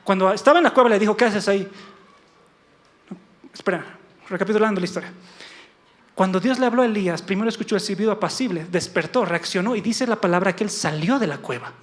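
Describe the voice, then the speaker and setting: High-voiced preacher, impassioned sermon. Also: male voice, fast. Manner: impassioned, calls out to congregation, acts out God's voice.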